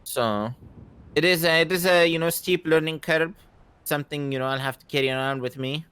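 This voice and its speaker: A man in a casual roleplay conversation, speaking reflectively and haltingly, often saying "you know". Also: fairly high pitch, pushed and bright, clean tone, dry recording. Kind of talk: in-character gaming roleplay conversation.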